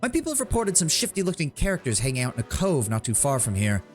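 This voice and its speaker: Man reading as a energetic woman scout, plain-spoken, folksy, animated pitch, fantasy game report. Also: fast talker, soft background music. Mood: wary, matter-of-fact. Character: brisk, energetic female scout reporting trouble to her commander. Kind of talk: fantasy game dialogue read aloud.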